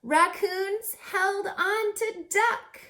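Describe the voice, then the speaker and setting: Her voice is extremely high and sharp as she reads a picture book to young listeners. Like a teacher, she goes slowly and instructively, pausing for drama and posing questions.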